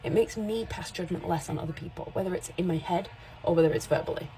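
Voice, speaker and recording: Talking fast in a mellow, lowish voice, a makeup artist and content creator in her forties rambles a little as she speaks candidly to camera in a casual vlog. The audio is poor, with slight background noise.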